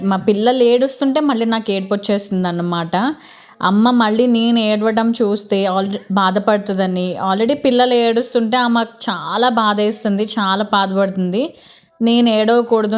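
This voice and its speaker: A woman in her thirties narrates a family vlog with a Telugu accent. Her tone is soft and emotional, and she explains each step patiently. Her voice sits at a medium height. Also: medium pitch. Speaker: vlogger.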